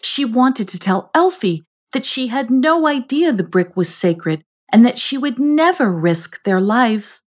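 A woman narrating a children's storybook in a slow, gentle reading voice. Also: fairly high pitch, expressive.

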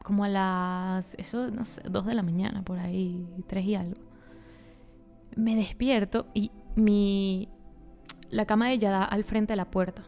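A young woman tells a spooky story on a casual podcast. Her voice is mellow and warm, and she acts out quoted lines with lively energy. Soft music plays faintly behind her. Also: mid-range voice, measured pace. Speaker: podcast co-host. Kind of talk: casual chat, telling a ghost story.

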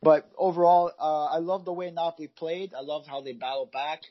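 A man's voice: a little high, fairly quick, highs cut off. A man co-hosting a casual football podcast, rambling with many fillers and restarts. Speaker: podcast co-host, football fan. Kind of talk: casual chat.

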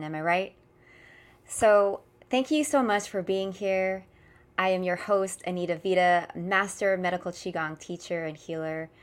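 A woman hosting an interview podcast, effusive and emphatic as she introduces and questions her guest. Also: lowish voice. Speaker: podcast host.

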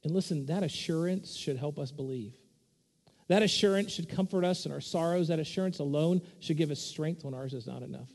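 A man preaching an earnest sermon as pastor, building in force on repeated points. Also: brisk. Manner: earnest, swells louder and higher on repeated points. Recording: long reverb of a church hall.

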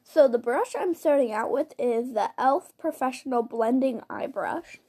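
High-voiced woman chatting through a casual tutorial. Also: measured pace, darkish tone, slightly rough. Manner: chatty, informal, step-by-step narration while doing makeup. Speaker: host of a makeup tutorial show. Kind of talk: casual spoken makeup tutorial. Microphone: built-in device mic rather than usual microphone. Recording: plain laptop-style mic, no studio microphone.

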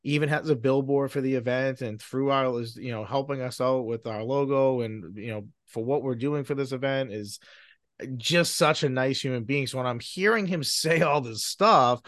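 A man's voice: medium pitch, fairly bright tone, no echo, clean studio sound. A man with a Boston accent hosting a podcast, chatting casually with enthusiasm and praising his guest. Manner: enthusiastic, quick to praise, laughs often. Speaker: podcast host.

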